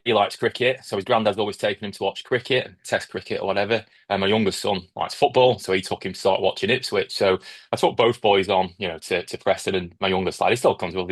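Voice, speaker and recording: A man's voice: lowish voice, fairly bright tone. A middle-aged man co-hosting a podcast, chatting casually and rambling with lots of repeated filler words. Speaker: podcast co-host. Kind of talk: casual chat.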